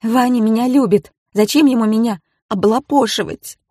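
A woman reading an audiobook, voicing a naive, easily confused young woman who squeaks out anxious questions. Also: normal speed, a little mellow, no room sound, clean studio sound, natural voice.

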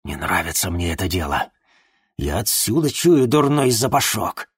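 A man's voice: fairly high pitch, sing-song, moderate pace, gravelly, a bit bright, husky, voice pushed up, full character voice. A man voicing a suspicious, stubborn older father who grumbles and distrusts. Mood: grumbling.

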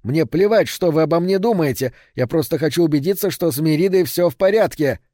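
Guy reading a worried young dude, pushy and half yelling, audiobook. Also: on the high side, fairly quick, dry recording, studio quality, voice pushed up, lightly acted. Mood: urgent. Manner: urgent, pleading, half shouting. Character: anxious young man from the streets.

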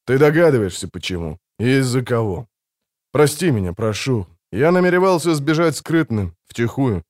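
A man's voice: mid-range voice, sing-song, moderate pace, a little mellow, no room sound, studio quality, lightly acted. A man voicing a terse, guarded monster hunter. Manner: curt, guarded, few words. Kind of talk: audiobook character reading.

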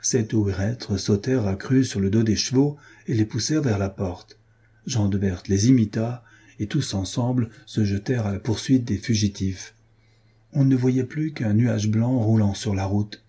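A man reading a historical adventure novel aloud in a steady, measured narration. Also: fairly low pitch, slightly rough. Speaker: audiobook reader. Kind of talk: scripted narration.

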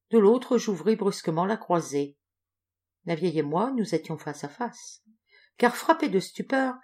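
A woman reading a classic story aloud as a volunteer audiobook reader, in an expressive, dramatic narrating style. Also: fairly low pitch.

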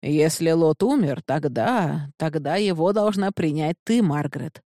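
Audiobook: a woman reading a frail old nobleman, confused and grieving, slow and halting, low and mellow. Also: expressive, dry recording, clean studio sound. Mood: solemn. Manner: slow, halting, trembling speech.

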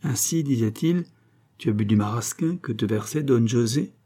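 A man reading an audiobook and voicing a cold, scheming mysterious man who speaks calmly and with command. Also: medium pitch, normal speed, close to an everyday voice. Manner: icy, calm, commanding.

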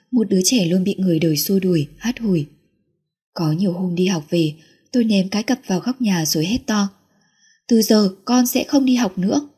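A woman narrating a romance novel in the first person, in a calm, steady reading voice. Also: fairly low pitch, breathy edge. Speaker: audiobook narrator.

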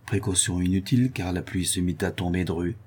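A man reading a historical novel aloud in a steady, measured way. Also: sits low, husky. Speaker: audiobook narrator. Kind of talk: scripted narration of a historical novel.

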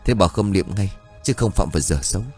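A man voicing an adult son who talks to his mother in a steady, reassuring way. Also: deep voice, a little fast, faint music behind, natural voice. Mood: soothing.

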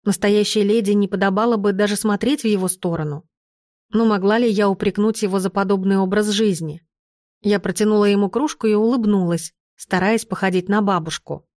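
A woman narrating an audiobook in the first person, in a calm and measured storytelling manner. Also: mid-range voice, no echo, studio quality.

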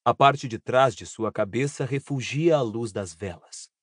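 A man narrating an audiobook in a steady, even storytelling voice. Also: medium pitch, unhurried, husky, no room sound, clean studio sound. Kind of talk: scripted narration.

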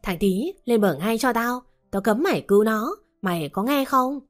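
A woman's voice: fairly high pitch, animated, normal speed, faint music behind, close to an everyday voice. A woman voicing a spiteful, jealous young wife who scolds harshly. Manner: harsh scolding, then desperate pleading.

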